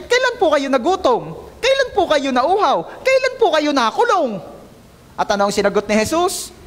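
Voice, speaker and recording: A male pastor preaching a sermon in church, mixing English into his talk and calling out to the congregation for answers. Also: high-pitched. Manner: lively, calls out to the congregation for responses; mixes English into Filipino. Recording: long hall reverb.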